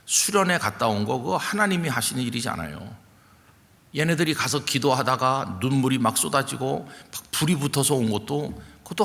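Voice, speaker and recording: A man's voice: medium pitch, fairly bright tone. A male senior pastor preaching a sermon in a conversational, storytelling way. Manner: conversational storytelling with acted quotes. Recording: long reverb from a large hall.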